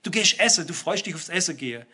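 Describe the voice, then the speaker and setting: Older guy preaching, high bright voice, kinda husky, gets loud and emphatic. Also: expressive, fast. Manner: emphatic, rising to exclamations, addresses the congregation directly. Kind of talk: sermon.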